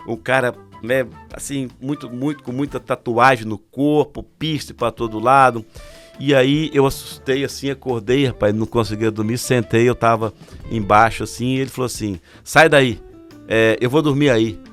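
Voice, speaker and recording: A man's voice: mid-range voice, fairly even intonation, moderate pace, soft background music. A man with a Brazilian Portuguese accent, a pastor who is a podcast guest, telling a story vividly and acting out the people he quotes.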